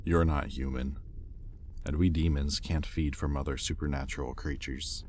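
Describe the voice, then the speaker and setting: An extremely low-pitched male demon, acted by a man, speaks in an intimate roleplay style. He is a teasing, sardonic captor, arrogant and curious, talking conversationally over faint background noise. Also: fairly even intonation, normal speed, a little mellow. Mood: bewildered, shaken. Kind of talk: intimate audio roleplay acting.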